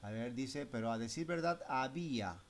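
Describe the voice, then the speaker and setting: A man's voice: medium pitch, animated, moderate pace. A man teaching a class of children, patiently explaining a computer program step by step and asking them questions as he goes. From Spanish-speaking Latin America. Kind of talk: screen-recorded software lesson.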